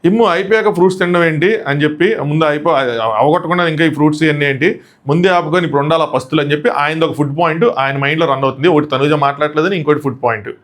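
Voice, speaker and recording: Fast-talking man recapping reality TV. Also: a bit bright. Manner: retells quotes in a lowered voice; rapid, chatty, opinionated. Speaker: show commentator. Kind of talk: casual recap commentary.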